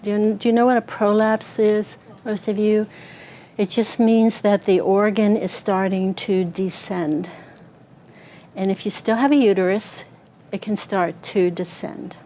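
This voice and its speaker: Woman, health talk to an audience, conversational, mid pitch, faint background noise. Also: fairly even intonation, a little slow, dark tone. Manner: conversational, asks the audience questions. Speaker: pelvic floor therapist. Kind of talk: health talk with anatomical model.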